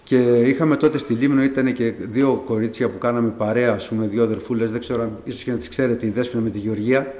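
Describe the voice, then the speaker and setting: A middle-aged man, a church member, tells the congregation his faith testimony as a conversational story, playing out the dialogue he recalls. His medium-pitched, darkish voice keeps fairly even intonation with few pauses. There is slight background noise, and the room is echoey.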